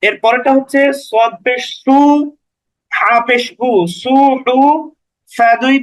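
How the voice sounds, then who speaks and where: A man with a very high voice teaches beginners to read the Quran. He spells out each letter and vowel mark patiently, syllable by syllable, then joins them into a word, adding short plain explanations along the way. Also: steady tone, takes it slowly, fairly bright tone, low-quality recording.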